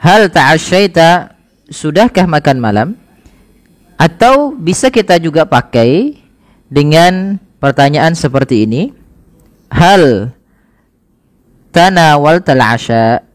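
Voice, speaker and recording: Man, casual language teacher, slow clear phrases, higher voice, long reverb. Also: very animated. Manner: repeats phrases slowly and clearly, then explains casually. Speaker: Arabic teacher. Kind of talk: casual spoken lesson.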